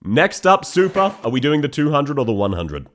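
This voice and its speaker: Guy running a casual quiz game, super lively up n down voice, teasing and playful. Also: fairly high pitch, a little fast.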